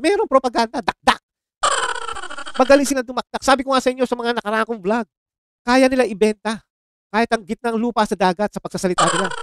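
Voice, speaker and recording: A man's voice: high voice, clean tone, dry recording. A Filipino man ranting in casual political commentary to his viewers. He sounds heated and sarcastic, and he keeps mixing English exclamations into his speech. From Philippines. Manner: calls viewers "mga chong". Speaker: political reaction vlogger.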